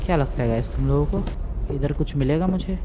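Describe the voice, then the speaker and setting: A man's voice: fairly high pitch, fairly quick, noisy background. A man commentating a horror game for viewers, jumpy and easily frustrated, yelping at scares. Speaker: gaming YouTuber.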